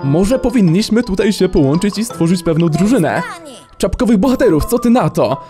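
A man doing a timid little hat spirit, high and pleading. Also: animated, fairly quick, dark tone. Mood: eager. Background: game music.

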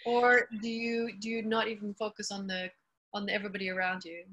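Woman interviewer, bright tone, long winding questions. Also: mid-range voice, little pitch movement, brisk, dull audio. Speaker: host.

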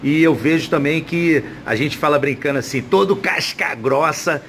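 A man's voice: a little high, moderate pace, fairly bright tone. A Brazilian man asking questions as a casual interviewer, recorded with some noise behind him. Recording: noticeable background noise.

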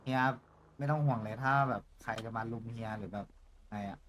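A man's voice: mid-range voice, fairly quick, slight background noise. A man talking in character as a gang member in an online role-play game, polite and loyal to his boss.

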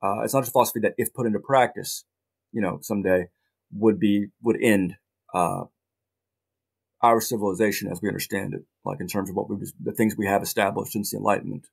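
A middle-aged man, a journalist guest in a casual interview, talking in halting bursts with many restarts and dry asides. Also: lowish voice, steady tone, vocal fry, breathy edge.

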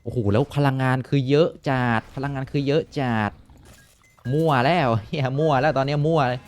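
A young man giving casual gameplay commentary, excitable and swearing often, with frequent exclamations. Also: mid-range voice, brisk. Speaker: gaming YouTuber.

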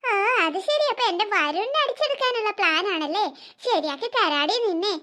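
A woman's voice: big pitch swings, a little fast, pushed and bright, full character voice. Woman voicing a sly jealous cartoon girl. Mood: scheming. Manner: sly, low muttering with mocking laughs. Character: scheming jealous teenage girl plotting revenge. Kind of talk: cartoon story voice acting.

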